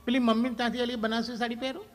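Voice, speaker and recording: A fussy, nagging middle-aged housewife, played by a man on stage, pipes up in a raised, whiny voice. She keeps questioning everything in a querying tone. Her voice sits high. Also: level tone, racing, a little hiss or hum.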